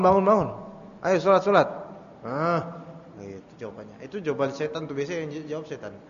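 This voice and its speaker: Male religious teacher, high voice, conversational lecture with rhetorical questions, dull recording with long reverb. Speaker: Islamic teacher. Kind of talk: Quran commentary study lecture.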